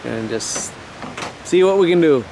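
A man's voice: on the high side, lively intonation, a little slow, vocal fry, heavy background noise. A man filming a fishing trip, narrating casually outdoors and trailing off with easy chuckles. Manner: laid-back, chuckling, trails off. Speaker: fishing vlogger. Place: outdoors by rivers and a lake.

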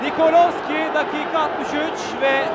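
A man giving live football play-by-play in clipped phrases, calling out players' names and shouting excitedly at chances. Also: very high voice, a little slow. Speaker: football commentator. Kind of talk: live play-by-play match commentary. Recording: loud crowd and noise behind. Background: stadium crowd.

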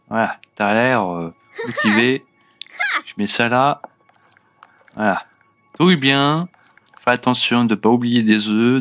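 A man's voice: mid-range voice, a bit bright, a little hiss or hum. A young man giving casual gameplay commentary as a let's play host, chatting to his game characters as he plays. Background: faint game music.

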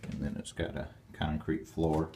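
Deep-voiced man touring his basement. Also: level tone, moderate pace, background noise. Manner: rambling, plainspoken, with fillers. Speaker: homeowner giving a basement tour. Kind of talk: casual walkthrough narration. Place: dark stone basement, indoors. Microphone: handheld phone camera. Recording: echoey basement room.

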